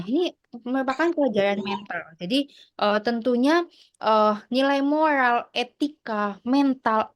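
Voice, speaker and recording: A woman lecturer giving an online class over a video call, encouraging her students and mixing in English phrases between fillers. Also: medium pitch. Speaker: university lecturer.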